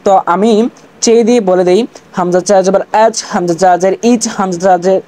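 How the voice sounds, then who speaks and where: Online language teacher, mellow voice, reads out letter sounds one by one, slow and careful, starts with prayers and greetings. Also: medium pitch, fairly even intonation. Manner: opens with religious greetings and prayers. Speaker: Urdu teacher.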